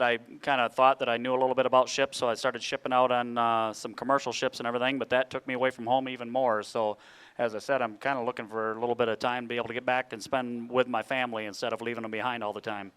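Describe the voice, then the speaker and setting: A man's voice: medium pitch, little pitch movement, quick pace, a bit bright, clear, resonant tone. A middle-aged man from Michigan giving casual answers about himself on stage at a live event. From Michigan, United States. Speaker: student auctioneer, Navy veteran. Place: live auction event before an audience.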